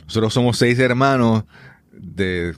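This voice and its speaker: A man interviewing a guest, friendly and quick to affirm with ok. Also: mid-range voice, a little hiss or hum. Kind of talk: conversational interview.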